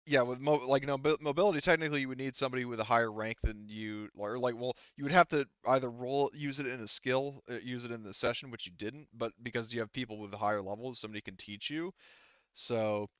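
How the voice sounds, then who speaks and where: A man serving as game master explains a tabletop game's rules in casual chat, halting and correcting himself along the way. His medium-pitched voice is steady, clear, resonant, and a bit bright, though the dry recording sounds dull.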